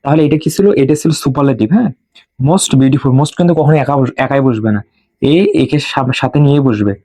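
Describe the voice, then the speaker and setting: A man teaching English grammar in Bengali, slowly repeating each rule and asking students to memorize it with him. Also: mid-range voice, mellow. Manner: slow and drilling, repeats rules for students to memorize. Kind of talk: classroom lesson.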